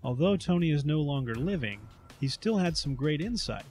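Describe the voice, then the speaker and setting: A man's voice: fairly high pitch, lively intonation, normal speed, darkish tone, faint music behind. A man giving scripted narration as he recaps a party game.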